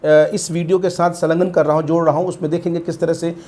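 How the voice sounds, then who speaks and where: A man reporting the news to camera, explaining in a measured way. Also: on the high side, little pitch movement, dark tone.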